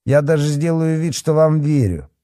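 A man voicing a fat, pompous rural policeman who sneers and shouts at teenagers. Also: mid-range voice, moderate pace, no room sound, studio quality, voice pushed up, lightly acted. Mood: sneering. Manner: blustering, scornful, shouting.

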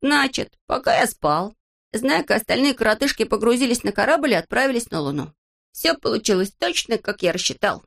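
Woman doing a hyper little boy shorty from a storybook, bouncy lively voice, kinda gravelly. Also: a little high, fairly quick, pitched above the performer's own voice, exaggerated voice. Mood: pleased. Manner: eager, exclaiming, boastful. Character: excitable boyish male little shorty. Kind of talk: storybook character voice.

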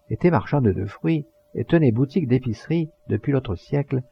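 A man's voice: mid-range voice, gravelly, slight background noise, voice pushed up. A man voicing a tearful older matron who laments her late friend, in a dull lo-fi recording.

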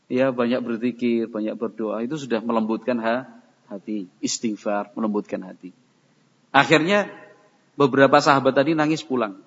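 A man's voice: medium pitch, moderate pace, fairly bright tone. A man preaching an Islamic study sermon, telling stories and slipping into phrases and chanted Quranic verses. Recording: dull audio in a reverberant hall.

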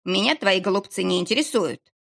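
A woman's voice: mid-range voice, animated, fairly quick, creaky, a bit bright. A woman voicing a menacing, mocking round-faced man interrogating two captives. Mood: mocking menace. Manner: mocking, threatening.

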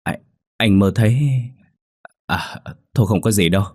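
A man's voice: fairly low pitch, moderate pace, darkish tone, slightly rough. A man playing a guilt-ridden older man who stammers and cries out in frantic fear. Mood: evasive.

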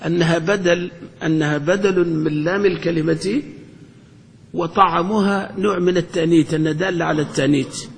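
A man teaching a grammar lesson as a sheikh, asking his students questions and repeating key phrases. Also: sits high. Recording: long hall reverb.

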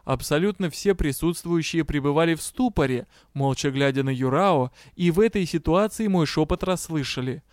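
High-voiced man narrating an audiobook. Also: moderate pace, hardly any pauses, darkish tone, no echo, studio quality. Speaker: audiobook reader. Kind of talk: first-person fantasy audiobook narration.

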